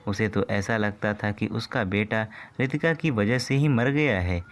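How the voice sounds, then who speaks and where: A man narrating a cartoon story in a steady, scripted storytelling voice. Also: lowish voice, unhurried.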